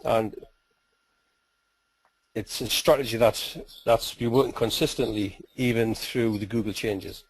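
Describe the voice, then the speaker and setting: A man teaching search-engine tactics in a steady, explanatory webinar style. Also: lowish voice, measured pace, pauses often, husky, dry recording, rough recording. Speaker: SEO trainer.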